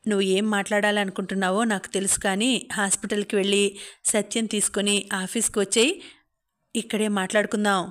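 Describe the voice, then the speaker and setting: An earnest, protective young man from an audiobook novel, read in a woman's own voice. He speaks gently and pleadingly, with very little rise and fall in pitch. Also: little pitch movement, brisk. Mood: firm.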